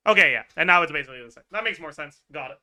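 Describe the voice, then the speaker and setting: A man's voice: on the high side, animated, rapid-fire, pushed and bright. A man streaming a game, chatting casually and thinking aloud, swearing and laughing as he works through numbers. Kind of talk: livestream game chat.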